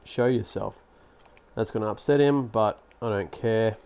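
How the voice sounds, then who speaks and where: A man's voice: fairly low pitch, moderate pace, darkish tone, smooth, lo-fi sound. A man giving casual, sarcastic commentary while playing a basketball management game. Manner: chatty, sarcastic, grumbles at the game. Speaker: gaming YouTuber.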